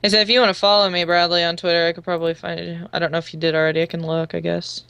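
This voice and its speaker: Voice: mid-range voice, little pitch movement, very fast, vocal fry, a bit bright, clean tone, no room sound, muffled recording. A stream co-host chatting casually and reading viewer messages aloud. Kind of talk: casual live-stream chat.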